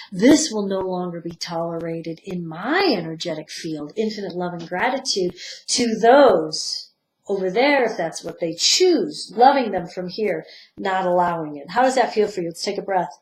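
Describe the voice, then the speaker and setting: Softly guiding woman spiritual teacher. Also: medium pitch. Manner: soft-spoken guidance that swells and drops to a hush. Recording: roomy echo.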